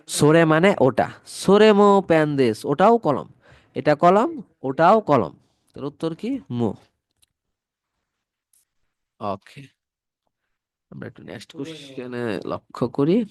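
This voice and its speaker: A man's voice: on the high side, dry recording, clean studio sound. A man from Bangladesh with a cold, teaching a grammar lesson and patiently repeating each example step by step. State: has a cold. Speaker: Japanese language teacher. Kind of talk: grammar lesson explaining slides.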